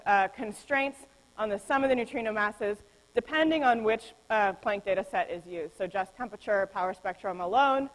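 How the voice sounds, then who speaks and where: Woman lecturer, academic talk, halting explanatory delivery with ums, long hall reverb. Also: on the high side. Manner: explanatory, frequent ums and self-corrections. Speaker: physics lecturer.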